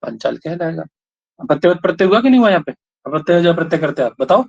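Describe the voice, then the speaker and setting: A man with a somewhat high voice leads a grammar class, firing questions and repeating them until students reply. The recording sounds dull and lo-fi. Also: big pitch swings, fast talker, gravelly, a little mellow. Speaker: Sanskrit grammar teacher.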